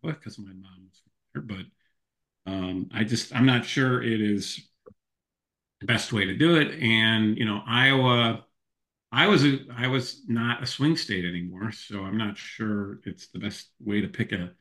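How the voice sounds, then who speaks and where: A man's voice: lowish voice, a little slow, fairly bright tone. A man in casual conversation, rambling a little and hesitant as he goes. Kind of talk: casual political chat.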